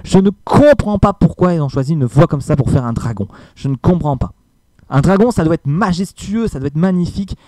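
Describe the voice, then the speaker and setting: Guy doing a casual movie review, lots of uhs, kinda high voice, dry recording. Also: animated, a little fast, warm tone, no echo. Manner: hesitant, many fillers, emphatic repeated apologies. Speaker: film reviewer.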